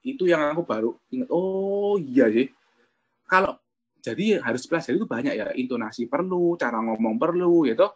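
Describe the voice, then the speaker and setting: Fast-talking husky man. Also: on the high side, a bit bright. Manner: chatty, keeps addressing listeners as friends. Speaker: insurance agent. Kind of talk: motivational talk sharing his experience.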